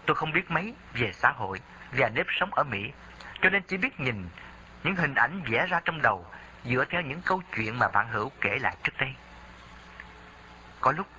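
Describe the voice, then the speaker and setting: A man's voice: medium pitch, sharp tone, dull audio, a little hiss or hum. A man narrating a memoir in a reflective reading style.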